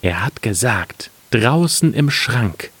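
A man's voice: medium pitch, sing-song, slow, a bit bright, husky, no room sound, exaggerated voice. A man reading a fairy tale aloud, voicing a sly, cunning poor peasant in a slightly raised voice.

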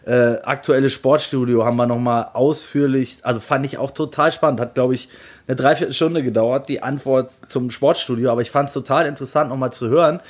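A man with a medium-pitched voice chats casually as a host. He builds long chains of clauses and often tacks on short questions seeking agreement. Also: fairly even intonation, a little fast. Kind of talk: casual chat about football.

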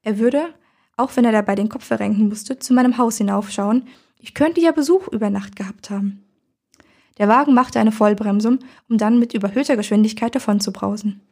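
A woman narrating a first-person story in a calm, even storytelling manner, with a gravelly, husky voice. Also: on the high side, brisk.

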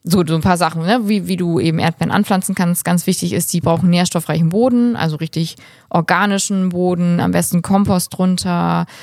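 A woman chatting casually as a podcast co-host, explaining things quickly with fillers. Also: fairly low pitch, steady tone, creaky, darkish tone, no room sound, studio quality. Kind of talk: casual chat.

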